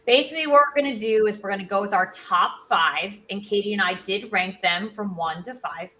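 Bright, forward woman hosting a sports countdown. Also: mid-range voice, brisk, a little hiss or hum. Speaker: sports show host. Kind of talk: casual sports countdown chat, leading the rankings.

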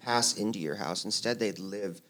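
A man co-hosting a podcast in casual chat, making deadpan jokes and mumbling agreement. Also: fairly low pitch, normal speed. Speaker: podcast co-host.

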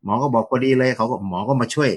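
A male schoolteacher telling stories in a casual interview, jokey and lively, slipping into acted quotes. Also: medium pitch, fast talker, a little hiss or hum.

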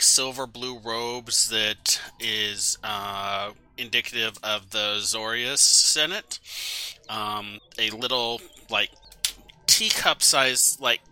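A man narrates a tabletop role-playing session as game master. His tone is strikingly bright and crisp, recorded dry and close. He rambles through scene descriptions, full of ums and likes. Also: medium pitch, dry recording. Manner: rambling, filler-heavy description.

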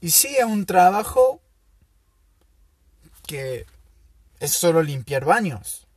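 A man who hosts a show and tells a story in a casual, unhurried way, pausing often to think. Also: sits high, very animated, darkish tone, husky, dry recording, clean studio sound. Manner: slow, thoughtful, with pauses and fillers. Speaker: podcast host.

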